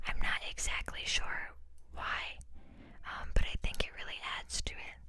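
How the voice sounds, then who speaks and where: A young woman whispering slowly and softly while showing objects in an ASMR video. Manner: slow, soft whisper. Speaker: ASMR co-host.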